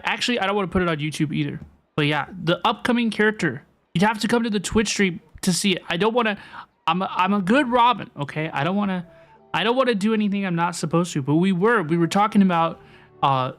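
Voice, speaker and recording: A young woman streaming a game, chatty and excitable, with slangy casual talk. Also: medium pitch.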